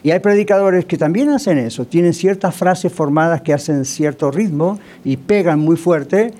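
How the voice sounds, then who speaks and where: A man's voice: on the high side, normal speed, mellow. A male pastor preaching a sermon in a conversational way, often asking the congregation rhetorical questions.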